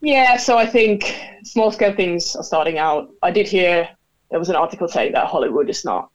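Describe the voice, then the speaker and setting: A woman from Finland chatting as a guest over a video call, laughing often and pausing with fillers. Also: lowish voice, expressive. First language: Finnish. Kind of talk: casual chat. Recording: dull lo-fi call audio.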